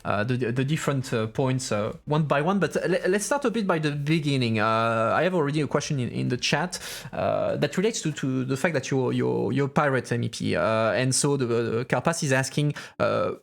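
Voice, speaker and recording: A man's voice: medium pitch, expressive, brisk, creaky, few pauses. A man hosting an informal livestream interview, speaking hesitantly and often repeating his words as he goes. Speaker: host and interviewer of a political livestream.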